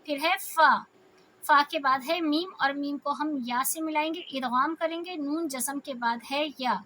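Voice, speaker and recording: A woman teaching a Quran reading lesson, explaining each rule patiently and slowly drawing out syllables to demonstrate them. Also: sits high, bright, forceful tone, slight background noise. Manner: patient step-by-step explaining, slowly stretching out sounds as examples.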